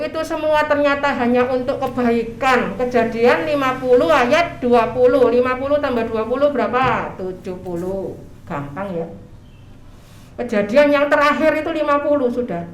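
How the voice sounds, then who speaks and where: An older woman preaching a sermon, animated and chatty, acting out prayers in a raised voice. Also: high voice. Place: church. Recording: echoey church room, faint ambience.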